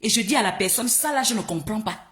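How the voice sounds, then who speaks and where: A woman's voice: medium pitch, lively intonation, fast, fairly bright tone. A woman from Gabon hosting a live stream, talking in a heated, confrontational way, firing off rhetorical questions and stumbling over her words when she gets worked up. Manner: stumbles and restarts when agitated.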